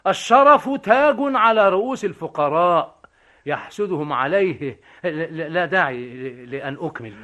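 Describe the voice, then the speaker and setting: A man's voice: on the high side, animated, normal speed, sharp tone, dull audio. A man acting a cheeky, witty Egyptian vagabond in a stage comedy, joking and mocking. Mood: sly. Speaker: stage actor.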